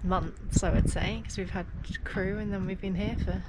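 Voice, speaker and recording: A woman, chatting casually to a close-held camera on a sailboat deck, relaxed and full of fillers. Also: medium pitch, moderate pace, very noisy. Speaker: sailing vlogger. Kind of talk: casual vlog talk to camera. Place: outdoors on a sailboat deck in a harbour.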